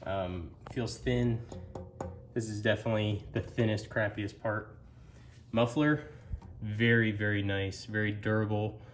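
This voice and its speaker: This amateur motorcycle reviewer has a fairly low voice and talks a little slowly. His casual, hands-on product walkthrough comes across as plain-spoken and a bit hesitant, and the clear audio carries a steady background noise.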